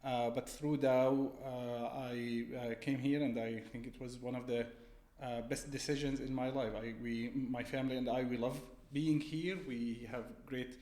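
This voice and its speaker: A man, speaking as a guest on an interview podcast in a polite, steady and methodical way. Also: mid-range voice, unhurried. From Syria. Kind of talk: conversational interview. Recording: roomy echo.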